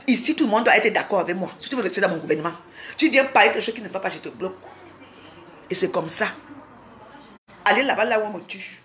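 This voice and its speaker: A woman's voice: medium pitch, a bit bright. A woman from Cameroon, ranting angrily on a home live stream, scolding and repeating herself. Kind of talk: angry live-stream rant. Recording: roomy echo.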